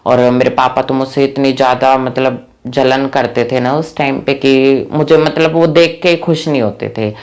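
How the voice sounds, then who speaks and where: In a very deep, darkish voice, a young adult woman from Rohtak, Haryana, India, tells her personal life story to camera as an interviewee. She is plain and earnest with many fillers, keeping her intonation fairly even, her speed normal, and her pauses few.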